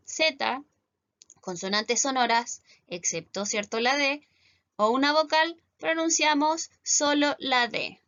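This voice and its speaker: A Chilean woman teaches a recorded class in a high voice. She explains each rule step by step and keeps checking that her students follow. The recording sounds muffled and lo-fi. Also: fairly bright tone. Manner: explains step by step, often asks "¿cierto?" to check understanding. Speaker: English teacher.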